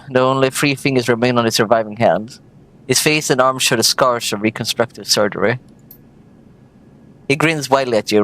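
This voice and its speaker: A man's voice: medium pitch, a bit bright. A man streaming a game, chatting casually and reading its narration aloud with jokes.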